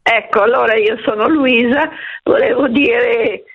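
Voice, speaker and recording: Female radio caller on a poor mobile phone line. Husky, hesitant, muffled lo-fi sound. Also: fairly high pitch. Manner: halting, searching for words with many fillers. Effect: heard over a poor mobile phone line, not on speakerphone. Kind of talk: phone-in chat.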